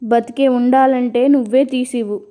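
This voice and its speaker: A woman's voice: a little high, fairly even intonation, moderate pace, warm tone, close to an everyday voice. A woman voicing a young male college student who turns robber, speaking in a harsh, threatening way.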